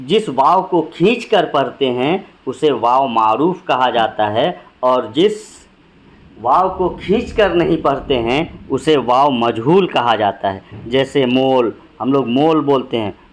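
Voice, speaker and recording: Slow, patient male grammar teacher. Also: mid-range voice. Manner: slow, patient, repeats example words one by one. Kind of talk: exam-prep grammar lesson.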